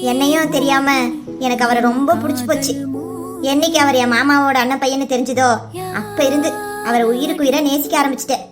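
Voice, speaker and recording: A woman's voice: high-pitched, fairly even intonation, brisk, lightly acted. A woman voicing a timid young village girl in a cartoon serial, who asks pleading questions in a sing-song voice. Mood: earnest. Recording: music bed under voice.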